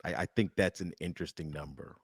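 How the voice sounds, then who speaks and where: Gravelly, deep-voiced man, joking. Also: fast talker, dry recording, studio quality. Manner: joking, teasing, animated. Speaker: podcast co-host. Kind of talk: casual podcast chat.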